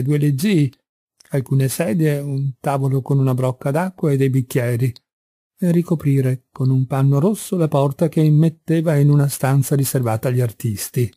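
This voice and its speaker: A man reading a classic novel aloud in measured, even scripted narration. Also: mid-range voice, no room sound, clean studio sound. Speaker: audiobook reader.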